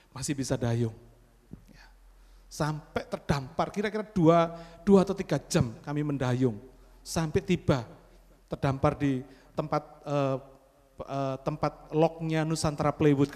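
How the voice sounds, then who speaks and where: A man preaching a sermon, telling a story with dramatic bursts and constantly addressing the congregation. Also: a little high. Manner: dramatic storytelling with sudden loud exclamations. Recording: long hall reverb.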